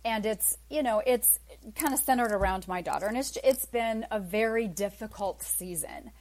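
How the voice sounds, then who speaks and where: A woman's voice: mid-range voice, moderate pace, a little mellow. A woman in her forties talking candidly and wryly as an interview guest. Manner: candid, chatty, wry. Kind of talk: casual interview chat.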